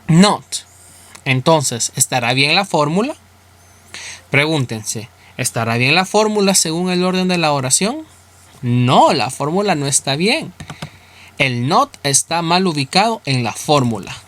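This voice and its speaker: A man's voice: a little high, sharp tone. A male English teacher who explains grammar step by step, asking himself questions and then answering them. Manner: asks and answers his own questions.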